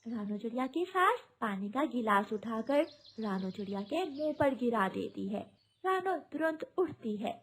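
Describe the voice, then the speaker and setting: Expressive woman narrating a cartoon. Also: on the high side, measured pace, slightly rough. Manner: expressive, melodramatic. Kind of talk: scripted storybook narration.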